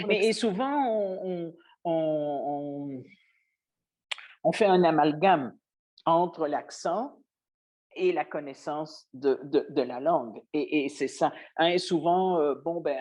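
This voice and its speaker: Her voice low-pitched and darkish with a breathy edge, an older woman from Belgium recalls her time as a radio worker in a reflective interview. She speaks with a Belgian French accent and frequently starts her phrases over.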